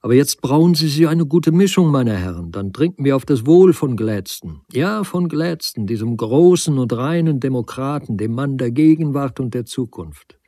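Man reading effusive older doctor, loud and high, dry and husky. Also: expressive, normal speed, few pauses, no room sound. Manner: loud, exclaiming, gushing.

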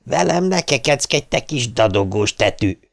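A man narrating an audiobook voices a menacing teenage bully who shouts threats in a gravelly voice. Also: medium pitch, lively intonation, voice pushed up. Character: brutal bully teen boy, snarling threats.

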